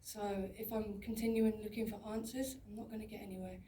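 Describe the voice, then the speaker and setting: A young lead actress answers audience questions on stage at a film Q&A, giving candid, down-to-earth personal replies. Her medium-pitched, dark voice is flat and brisk, coming through a handheld mic and the hall speakers. It was filmed from the audience in a large cinema auditorium, so it sounds echoey and distant, with a little hiss or hum.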